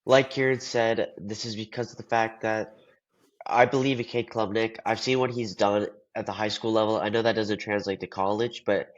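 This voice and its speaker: A man's voice: fairly low pitch, fairly even intonation, moderate pace. Stuffy-nosed young man talking sports. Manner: earnest, searching for words. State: stuffy nose from allergies. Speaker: podcast co-host. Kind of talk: casual sports talk. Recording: dull lo-fi audio.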